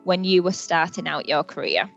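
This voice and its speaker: A woman interviewer asking polite, measured questions. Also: fairly low pitch, sing-song, gravelly, fairly bright tone, dull audio, faint music behind.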